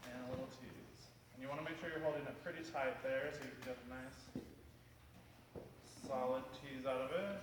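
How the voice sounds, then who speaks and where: Man, hairstylist tutorial, slightly high voice, chatty, says "like" a lot, echoey room, mic at a distance. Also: background noise. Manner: chatty, fills speech with "like". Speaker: hairstylist teaching a cheer hairstyle. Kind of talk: step-by-step tutorial.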